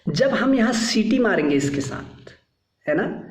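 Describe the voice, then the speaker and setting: Male English tutor, slow and repetitive, drills single letters and words, echoey room. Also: sits high, sing-song. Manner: checks in with frequent "ठीक है". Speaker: English teacher. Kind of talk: spoken English lesson.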